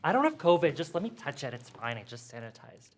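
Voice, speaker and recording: In a comedy sketch, a woman with a deep, very animated voice plays a vain young podcast co-host, talking fast. She gushes airily and packs her speech with valley-girl "like"s, with slight background noise.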